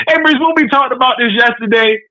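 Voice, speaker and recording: A bright, high-voiced male caller comes through a muffled phone line that keeps breaking up into choppy, robotic glitches. He talks in a fired-up, needling way, with no room sound around him. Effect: call breaking up, choppy robotic glitching. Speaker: call-in listener. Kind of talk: casual sports trash talk.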